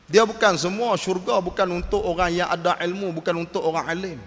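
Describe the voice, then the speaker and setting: A man's voice: sits high, steady tone, fairly quick, fairly bright tone. A man preaching a mosque sermon, telling stories and acting out the voices of the people in them. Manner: storytelling, acts out quoted voices. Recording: echoey mosque hall.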